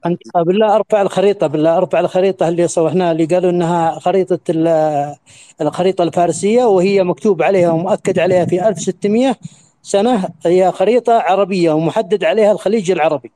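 A man's voice: sits high, very fast, warm tone, no echo. A man insistently asking for a map to be shown, repeating his request. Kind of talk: casual talk in an online voice chat.

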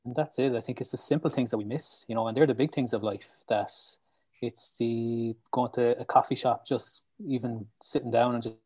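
A man's voice: medium pitch, fairly even intonation, moderate pace, dark tone, no room sound. An Irish man chatting casually as a podcast guest, upbeat and earnest. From County Clare, Ireland. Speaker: podcast guest, mental health educator. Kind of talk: casual interview chat. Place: room at home, on a remote call.

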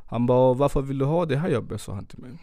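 A man's voice: mid-range voice, creaky, no room sound, clean studio sound. A man from Gambia speaking Swedish as a second language, telling stories in a casual podcast chat and mixing in English phrases. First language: not Swedish. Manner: animated storytelling, mixes in English phrases.

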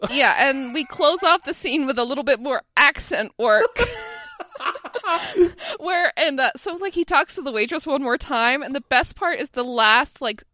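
Bright, lively woman in casual chat. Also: sits high, normal speed. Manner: laughing, playful, sarcastic asides. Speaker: podcast co-host. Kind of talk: casual chat recapping a TV episode.

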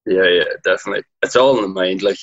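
Young irish guy from donegal, deep flat voice, chatty, says like a lot, bit muffled audio. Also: fast. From Donegal, north-west Ireland. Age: 20s. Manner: colloquial, peppers sentences with 'like'. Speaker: podcast guest, amateur Gaelic footballer. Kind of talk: casual chat.

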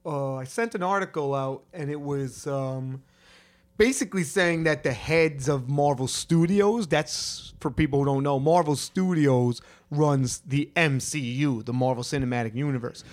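A man's voice: fairly high pitch, normal speed. A man appearing as a guest on a casual podcast, wry and explaining at length. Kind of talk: casual chat.

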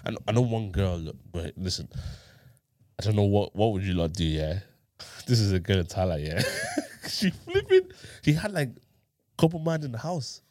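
A young man with a deep voice, recorded close and dry. He tells stories in casual, slangy talk, circling back and repeating his phrases as he goes. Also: huge pitch swings, moderate pace, darkish tone, dry recording. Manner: slangy, repeats phrases, calls people bro. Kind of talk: casual chat, animated storytelling.

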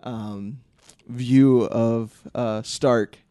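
A man speaks as a panelist in a relaxed film talk. His pitch is average and he tends to hesitate while hunting for words. The sound is dry, with very little room on it. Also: very slow, clean tone, dry recording. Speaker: podcast panelist. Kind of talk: casual film discussion.

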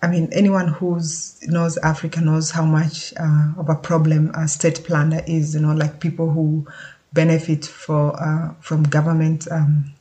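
A speaker from Kenya, giving a casual spoken update in a halting, thoughtful way and often pausing to search for words. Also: medium pitch, monotone, dark tone.

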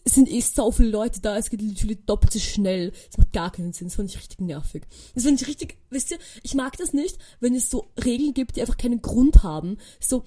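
A young woman tells a story on her podcast in a casual monologue. She talks quickly and acts out the people she quotes, with lots of fillers. Her voice sits a little high, with a warm, mellow tone. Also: husky. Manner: animated, acts out quoted dialogue, chatty with many fillers. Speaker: podcast host.

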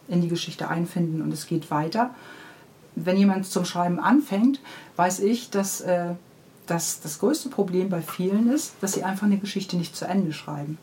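Being interviewed, this woman, who writes children's books, responds conversationally and without a script. She has a lowish, slightly mellow voice, and there's a little hiss or hum on the recording.

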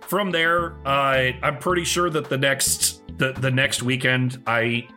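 Podcast guy rambling thru a story, swears a lot, kinda sharp bright voice, faint music in back. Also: mid-range voice, fairly even intonation, takes it slowly. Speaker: podcast co-host. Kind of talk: casual chat.

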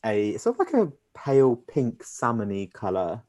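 A man co-hosting a podcast, chatting casually, giggly and animated, laughing often. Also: medium pitch, moderate pace. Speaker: podcast co-host. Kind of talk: casual chat.

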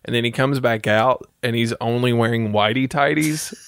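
A man's voice: medium pitch, moderate pace, creaky, a bit bright, clean tone, no room sound, clean studio sound. A man telling a childhood story in a casual chat, laughing along as he goes.

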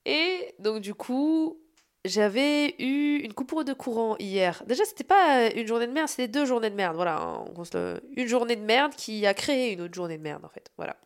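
A woman hosting her own podcast, telling a story about her day in a casual, animated and self-mocking way, swearing freely. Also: on the high side. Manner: shifts between fast asides and slow, dragged-out emphasis. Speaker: podcast host.

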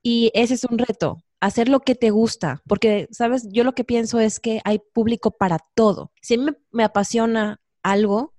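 A woman's voice: fairly high pitch, steady tone, moderate pace, few pauses, dark tone, no echo, studio quality. A woman hosting a casual chat, speaking in a reflective, encouraging way. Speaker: host.

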